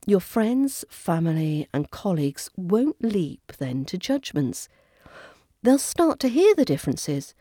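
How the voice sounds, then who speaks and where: A woman, a coach giving a scripted, clear and measured lesson. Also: mid-range voice, mellow, dry recording, clean studio sound. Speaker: accent coach. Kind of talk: scripted teaching narration.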